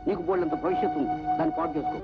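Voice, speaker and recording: A man's voice: fairly high pitch, fairly even intonation, very fast, lightly acted. An actor playing a meek, henpecked middle-aged father with a wry, resigned manner. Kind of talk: 1980s Telugu film acting. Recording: lo-fi film soundtrack with music.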